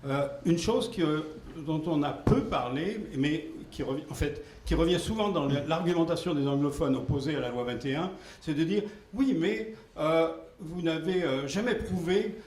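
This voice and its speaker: A man speaking at a conference question period, making a deliberate, argumentative point with fillers. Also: fairly high pitch, darkish tone. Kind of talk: Q&A discussion. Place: conference hall. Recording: echoey hall with faint noise.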